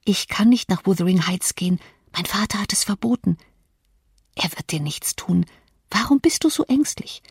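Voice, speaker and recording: A woman reading an audiobook, voicing an anxious young woman who speaks in a hushed whisper. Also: medium pitch, expressive, moderate pace, vocal fry, breathy edge, no room sound, studio quality, far from the mic, heavily acted.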